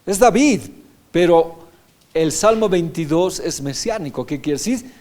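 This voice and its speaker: Somewhat slow and a little mellow, a pastor with a slightly high voice delivers an animated sermon. He reads scripture verses out loud and often asks his listeners rhetorical questions.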